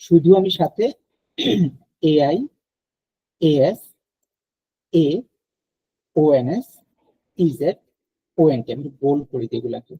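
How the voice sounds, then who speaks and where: Man, French teacher, drills conjugations, husky, dry dull call audio. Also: on the high side. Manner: explains slowly, drills conjugations aloud. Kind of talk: online class lecture.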